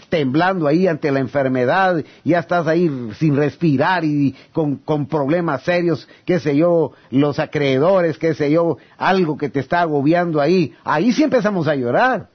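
A man preaching a sermon, addressing the congregation as brothers and reading scripture aloud, swinging between loud pleading and low hushed asides. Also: slightly rough, highs cut off.

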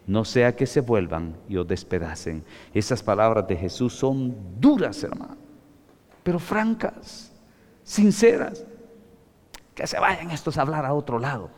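A man preaching a sermon to his congregation, calling them brother, moving between loud exclamations and hushed asides. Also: mid-range voice, animated, a little slow. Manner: addresses listeners as brother. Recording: long hall reverb.

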